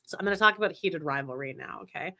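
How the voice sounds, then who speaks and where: Very fast and animated, this podcast co-host chats about pop culture in a low-pitched, sharp voice. She's chatty and enthusiastic, rambling along, restarting often and saying "like" a lot.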